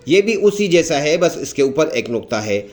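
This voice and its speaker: A man's voice: fairly high pitch, sing-song, a little mellow, faint music behind. Man teaching letters, stretching each sound. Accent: Pakistani Urdu. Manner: slow explanatory teaching, drawn-out demonstration of letter sounds. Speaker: Quran teacher. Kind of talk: teaching letter pronunciation to beginners.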